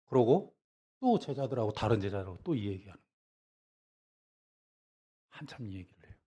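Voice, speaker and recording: A man preaching a revival sermon as pastor. He tells the story with animation, asks the congregation questions, and speaks the dialogue in a hushed, lower voice. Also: sing-song, moderate pace, slightly rough.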